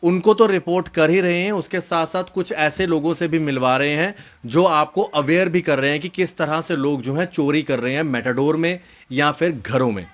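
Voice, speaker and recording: A male news reporter who introduces a field interview and makes an earnest appeal to viewers, pausing on hesitant fillers. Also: fairly high pitch.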